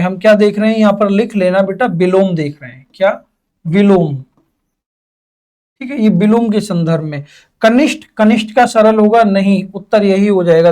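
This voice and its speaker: Brief: young male teacher, high voice, quizzes the class and answers in students' voices, drags out key words. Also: darkish tone. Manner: asks questions and answers them in students' voices. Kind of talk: exam-prep Hindi lesson.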